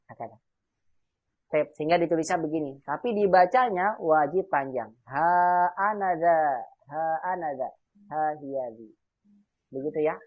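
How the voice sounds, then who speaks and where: A man leads an online grammar class, drawing out example phrases slowly and asking his students quick questions. His voice comes through a dull, lo-fi call connection, as if from a computer mic. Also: medium pitch, husky. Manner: patient, repeats example phrases slowly and asks quiz questions. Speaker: Arabic teacher.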